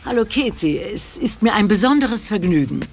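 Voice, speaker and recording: A woman's voice: mid-range voice, expressive, moderate pace, noisy background, lightly acted. A woman dubbing a polite, formal lady visitor who speaks courteously.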